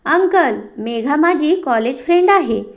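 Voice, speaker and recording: A woman voicing a bubbly, excitable young woman who loves parties. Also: high-pitched, unhurried. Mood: excited. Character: excited young woman, lively party-lover.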